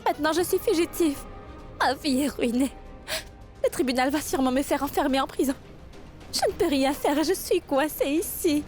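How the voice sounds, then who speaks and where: A woman's voice: sits high, normal speed, a little mellow, soft background music, natural voice. An actress dubbing a frustrated young female doctor in a French series, scolding and exasperated. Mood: accusing. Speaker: dubbed character.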